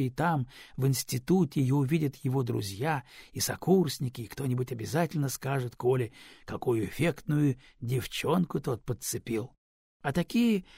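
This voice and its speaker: Gravelly husky male narrator. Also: mid-range voice, a little mellow, no room sound, studio quality. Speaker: audiobook narrator. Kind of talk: scripted narration.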